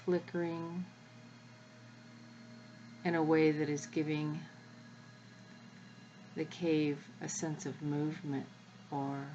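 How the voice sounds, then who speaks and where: A woman leading a guided spiritual energy activation as the guide, speaking in a measured way with long pauses between short phrases. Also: low-pitched, little pitch movement, dark tone, lo-fi sound, a little hiss or hum.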